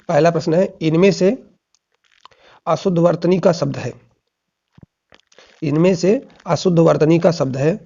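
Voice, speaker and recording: A man's voice: fairly high pitch, gravelly, dark tone. A man teaching an exam-prep lesson in a casual spoken style, drilling answers by asking and repeating them. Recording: dull lo-fi recording.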